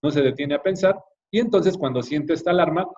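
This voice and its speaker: A man with a Mexican accent teaching a church class in a relaxed, conversational way, often checking in with his listeners. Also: a little high, a little fast, highs cut off. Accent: Mexican Spanish. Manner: conversational, frequent tag questions, addresses the class directly.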